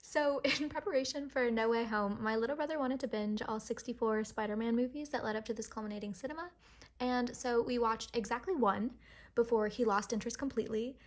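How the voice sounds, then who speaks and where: A woman's voice: on the high side, fairly even intonation, fairly quick. A young adult woman giving a casual, humorous voice-over as a hobby painter and vlogger, rambling in a wry, tongue-in-cheek, mock-dramatic way.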